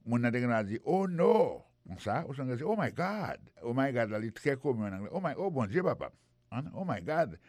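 A man's voice: mid-range voice, very animated, fairly quick, dry recording, clean studio sound. A man with a Haitian Creole accent teaching English phrases on a radio lesson, explaining each one and spelling words out. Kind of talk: bilingual radio language lesson.

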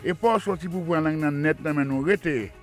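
A man's voice: on the high side, brisk, faint music behind. A man hosting a radio English lesson, speaking directly to listeners and explaining phrases.

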